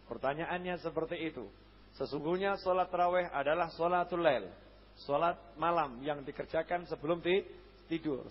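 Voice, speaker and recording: A man giving a jokey religious lecture to a congregation, swinging between loud urging and quiet asides. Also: fairly high pitch, slightly rough. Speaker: preacher. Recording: dull lo-fi hall recording.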